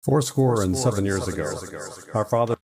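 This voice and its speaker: A man's voice: on the low side, expressive, normal speed, a crowd in the background. Man's recited speech with digital echo. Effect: digital echo added to the voice. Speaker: narrator of a demo recording. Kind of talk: reading a famous speech aloud.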